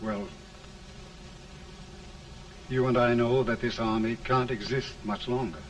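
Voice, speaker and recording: An actor playing a tired, merciful general who speaks quietly and politely, heard as early talkie film sound. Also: male voice, fairly even intonation, measured pace, a little hiss or hum. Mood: weary. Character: weary, merciful older male general. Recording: distant mic, rumbly early film soundtrack.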